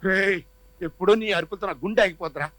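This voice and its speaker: A man's voice: high-pitched, fast talker, pushed and bright, dry recording, rough recording. An actor playing a fussy, theatrical rich father who dotes on his daughter. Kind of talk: Telugu film comedy acting.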